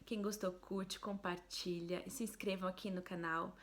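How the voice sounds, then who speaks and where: A woman, a speech therapist, giving clear instructional advice to parents in a video. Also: lowish voice, fairly even intonation, normal speed, slight background noise. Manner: clear, explanatory, demonstrative.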